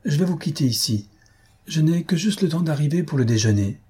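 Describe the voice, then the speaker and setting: Male reader doing a reserved young countess, raised pitch, mellow and husky. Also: animated, brisk. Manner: soft, reserved replies. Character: young countess, gentle, quietly stubborn.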